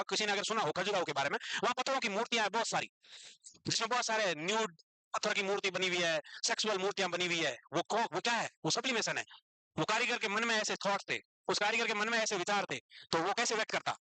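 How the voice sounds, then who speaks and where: A man teaching a class, lively and animated, constantly asking his students rhetorical questions. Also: high voice, dry recording, rough recording. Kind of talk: lecture to students.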